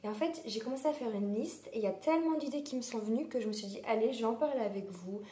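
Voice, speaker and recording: Hoarse chatty woman with a sore throat. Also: on the high side, very fast, dark tone. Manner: chatty, rambling, many fillers. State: sore throat, losing her voice. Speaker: vlogger. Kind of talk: casual chat. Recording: roomy echo.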